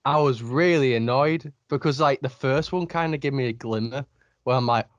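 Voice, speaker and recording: A man from the north of England with a northern English accent, hosting a podcast and telling animated stories with frequent laughs. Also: mid-range voice, normal speed, no echo, muffled recording. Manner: animated storyteller, laughs often. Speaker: podcast host. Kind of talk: casual chat. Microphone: video call.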